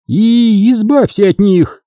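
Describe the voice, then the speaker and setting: A man's voice: high voice, takes it slowly, dark tone, no echo, clean studio sound, pitched above the performer's own voice. A man voicing a strict, prim female warden who scolds sharply with a falsely sweet manner. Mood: shrill angry.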